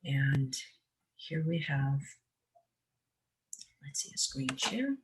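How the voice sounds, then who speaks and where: Presenter for a screen-share talk: slow, halting delivery with frequent filler sounds. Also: mid-range voice, very animated, background noise. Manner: slow, hesitant, many ums and uhs.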